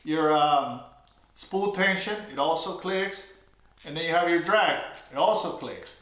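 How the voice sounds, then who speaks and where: A man's voice: fairly high pitch, measured pace, fairly bright tone. A man casually reviewing fishing reels in a chatty, loose way with lots of fillers. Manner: chatty, loose, many fillers and tag questions. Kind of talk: casual product review vlog. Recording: very echoey room.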